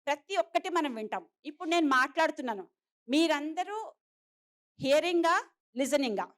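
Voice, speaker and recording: A woman's voice: sits high, expressive, moderate pace. A middle-aged woman giving a seminar lecture to parents. She explains step by step, mixes in English terms and asks the audience rhetorical questions. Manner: mixes many English terms into her talk. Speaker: trainer of parents of hearing-impaired children.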